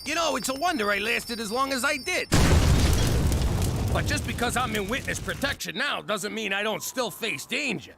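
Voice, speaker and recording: Blustering New York ex-mobster, cartoon, high-pitched, wildly swinging delivery. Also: male voice, lively intonation, moderate pace, creaky, over loud music, heavily acted. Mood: cocky. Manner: wisecracking tough-guy bluster. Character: brash, blustering male ex-mobster, middle-aged, in a cartoon.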